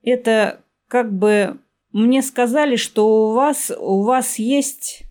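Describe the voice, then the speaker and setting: A woman's voice: on the high side, lively intonation, measured pace, darkish tone, voice pushed up. Woman reading a fussy, squeamish young woman. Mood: peevish. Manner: peevish, exclaiming.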